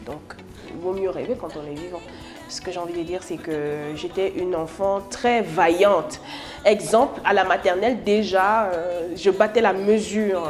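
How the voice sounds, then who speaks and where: A Cameroonian woman in her thirties talks about herself as a musician, chatty and playful, and drifts easily between French and English. Her voice sits at a middle pitch. Soft music plays faintly behind her. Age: 30s. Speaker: musician interviewee. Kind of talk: self-introduction interview.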